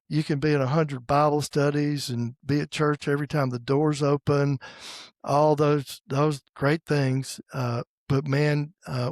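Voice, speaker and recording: A man in his sixties from the United States, hosting a podcast in a casual faith conversation and pausing often with fillers and restarts. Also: a little high, vocal fry, a little mellow, no room sound, studio quality. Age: 60s. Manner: halting, with many fillers and restarts. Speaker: podcast host.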